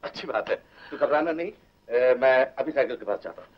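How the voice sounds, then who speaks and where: A man's voice: mid-range voice, lively intonation, a little fast, background noise, lightly acted. An actor playing an easygoing young male hero who bantes lightly with friends. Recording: echoey, dull 1960s film soundtrack.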